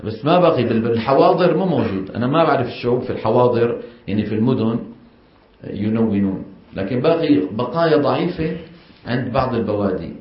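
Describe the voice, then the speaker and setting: A man's voice: mid-range voice, fast. A man with a Levantine Arabic accent teaching a class on Quran recitation. He keeps asking the class questions and has them repeat after him. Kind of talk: classroom lecture. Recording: echoey, dull lo-fi classroom recording.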